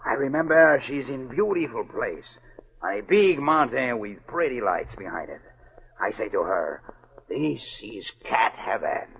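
A muddled trapper. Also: male voice, medium pitch, big pitch swings, a little slow, slight background noise. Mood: confused. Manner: broken English, muddled. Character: French-Canadian trapper, muddled and excitable. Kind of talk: 1940s radio acting. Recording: tinny old radio broadcast.

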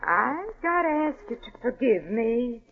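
An actress playing a gentle, remorseful frontier woman in a 1940s radio drama. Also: on the high side, very animated, measured pace, slight background noise. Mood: contrite. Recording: tinny old radio broadcast.

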